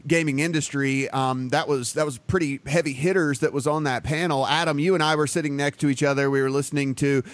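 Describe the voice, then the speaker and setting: A man's voice: on the high side, fairly even intonation, a little fast, hardly any pauses, no echo. A man hosting a podcast in casual chat, upbeat and rambling, often restarting his sentences. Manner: rambling, self-correcting, upbeat. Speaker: podcast host. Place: Las Vegas home.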